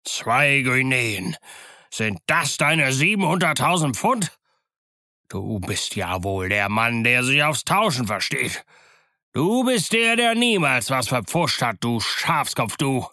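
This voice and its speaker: A man's voice: medium pitch, very animated, slow, bright, forceful tone, no echo, studio quality, exaggerated voice. A man voicing a furious pirate mutineer who bellows insults.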